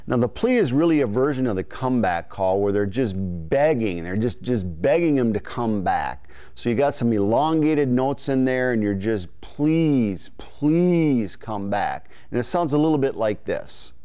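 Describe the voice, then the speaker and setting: Clear-voiced man giving folksy instruction. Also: mid-range voice, lively intonation, normal speed, few pauses, mellow, dull audio. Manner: folksy, informal, imitating call syllables as he explains. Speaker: duck calling instructor. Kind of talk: instructional video demonstration, explaining step by step. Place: indoor studio in front of a green-screen backdrop. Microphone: lapel mic.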